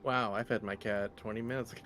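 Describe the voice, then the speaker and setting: A man's voice: lowish voice, steady tone, fast, fairly bright tone. A man playing a tabletop game, chatting casually, with faint noise behind him.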